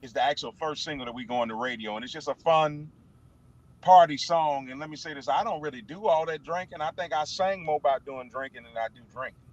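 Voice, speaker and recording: A man, an animated guest telling stories in casual chat, stammering and restarting, from a parked car. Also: fairly high pitch, fast. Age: 50s. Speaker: musician guest. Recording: dull lo-fi sound.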